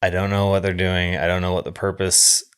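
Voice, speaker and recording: A low-voiced man co-hosting a podcast talks casually about films, his delivery thoughtful and halting as he feels his way through his reflections. His tone is clean and completely flat.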